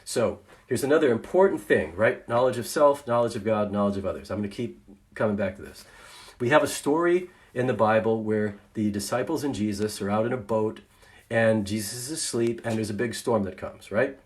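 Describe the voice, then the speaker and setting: A middle-aged man giving an informal faith-based talk on leadership as a consultant, quick at times and then slow and deliberate for emphasis. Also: fairly low pitch.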